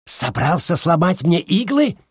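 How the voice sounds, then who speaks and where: A man voicing a scornful, defensive male vampire with a hoarse voice in an audiobook. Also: a little high, sing-song, no echo, studio quality, voice pushed up, exaggerated voice. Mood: hostile. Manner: defensive, sneering, drawn-out delivery.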